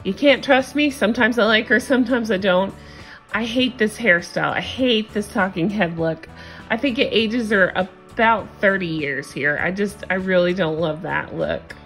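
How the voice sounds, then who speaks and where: A woman's voice: mid-range voice, moderate pace, fairly bright tone. Female recap host, standard American accent, chatty and opinionated, mid-range voice over a music bed. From United States. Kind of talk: casual reality-show recap commentary.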